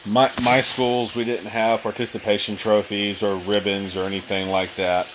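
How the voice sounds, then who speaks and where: A man in his thirties hosts a casual live chat, spinning stories and teasing in a joking way. His voice sits fairly low, his delivery is flat and at a normal speed, and there's noise in the background.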